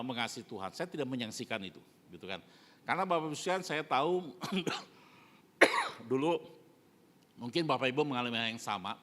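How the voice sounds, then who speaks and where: A middle-aged man preaching a sermon as pastor, constantly addressing the congregation and swinging between emphatic rises and hushed phrase endings. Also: mid-range voice. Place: church sanctuary during a live service. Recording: long church hall reverb.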